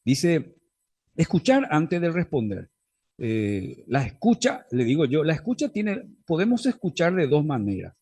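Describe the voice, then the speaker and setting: A man's voice: on the high side, wildly swooping pitch, unhurried, a little mellow, breathy edge. A man teaching a faith-based class on family conflict in a conversational way, often checking in with his listeners. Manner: conversational teaching, frequent tag questions.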